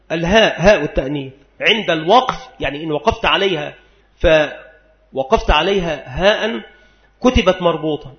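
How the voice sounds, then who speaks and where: A man with a high voice gives a measured lecture, repeating each rule and stretching out examples word by word. The sound is dull and lo-fi, with a roomy echo around him. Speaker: teacher. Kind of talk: recorded classroom lecture.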